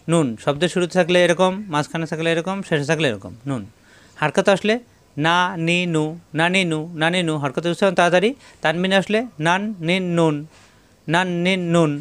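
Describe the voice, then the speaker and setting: A man teaching Arabic letters in a step-by-step lesson, repeating syllables slowly in drills. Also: fairly high pitch. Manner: repeats syllables in slow drills and tells viewers to take note. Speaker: Quran reading teacher.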